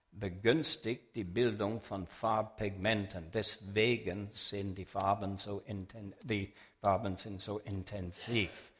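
This is an illustrated religious talk given as a public lecture with a sermon message, by a slow-speaking man whose voice is on the low side. His manner is deliberate and explanatory, and he addresses his listeners directly.

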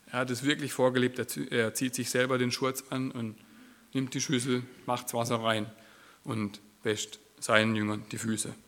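A man's voice: mid-range voice, flat delivery, normal speed, a bit bright. A man preaching a sermon in church, acting out quoted lines with a shifting voice.

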